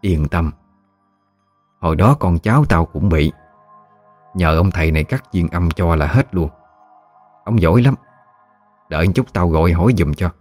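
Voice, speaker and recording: Bossy gossipy old delta village woman over sixty, read by a man, low-voiced, over faint music. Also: animated, moderate pace, long pauses, darkish tone. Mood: knowing. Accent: Mekong Delta Vietnamese. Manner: blunt, familiar, talks down fondly.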